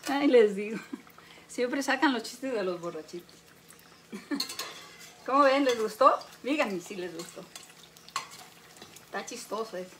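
A woman's voice: a little high, lively intonation, a little slow, long pauses, fairly bright tone, slight background noise. A Mexican woman chatting and joking with viewers while she cooks, laughing often and talking into a phone held close in her home kitchen. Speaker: cooking livestream host. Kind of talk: casual chat while cooking. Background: faint frying and sizzling.

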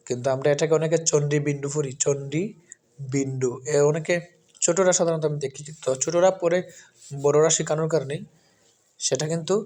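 A man, who comes from Bangladesh, teaching a lesson. He talks slowly and repeats each sound with careful stress. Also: on the high side, warm tone. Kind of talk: spoken lesson.

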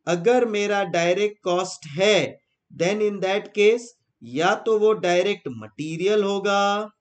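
Teaching a live online class, a man with an Indian accent poses rhetorical questions and then answers them himself. He repeats the key terms so students can write them down. His voice sits high and moves slowly.

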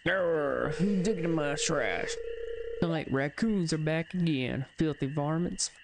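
A man voicing a grumpy, gruff old male villager with a put-on country accent, over game music. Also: a little high, a little slow, background noise.

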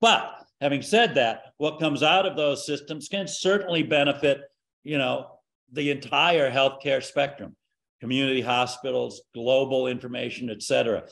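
A man in his sixties, a keynote speaker on a video call from a home office, explaining in a measured way that trails off at the ends of sentences. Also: medium pitch, steady tone, vocal fry, fairly bright tone. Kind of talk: academic panel discussion. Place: home office with window view.

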